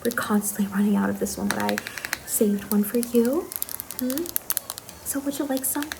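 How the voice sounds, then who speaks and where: In an ASMR roleplay, a woman plays an eager young saleswoman at a macabre fair stall, gently recommending items with hesitant, apologetic customer-service politeness. Her gentle, slightly high voice swoops wildly in pitch at a normal speed. Some noise is audible behind her.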